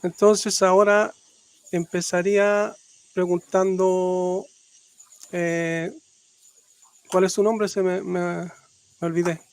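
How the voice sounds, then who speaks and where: A man from Chile moderating a debate, halting and procedural as he explains the rules. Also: high-pitched, flat delivery, smooth, no room sound.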